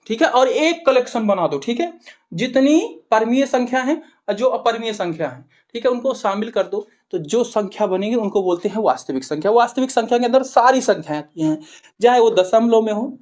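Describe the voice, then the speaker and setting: A woman's voice: on the high side, darkish tone. A woman with a Hindi accent from Uttar Pradesh teaching maths. She asks questions, answers them herself and keeps checking with "ठीक है". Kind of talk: classroom-style explanation to students.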